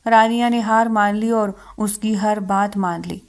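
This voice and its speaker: A woman reading a romance novel aloud as scripted narration, in a steady, even manner. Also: medium pitch, smooth.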